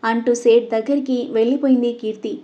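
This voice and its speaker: A woman reading an audio story aloud, voicing every character's lines in her own voice and getting louder for the dialogue. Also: a little high, steady tone, brisk, muffled recording. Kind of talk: scripted audio story narration.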